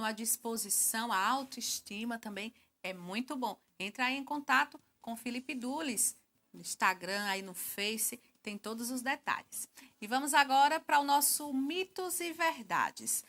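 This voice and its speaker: Woman TV host, crisp bright tone, upbeat, higher voice. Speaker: program host. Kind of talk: TV program hosting.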